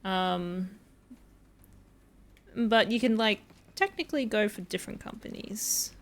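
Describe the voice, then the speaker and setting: A woman's voice: mid-range voice, a little slow. A woman streaming a game, chatting casually with viewers, rambling and swearing freely. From Australia.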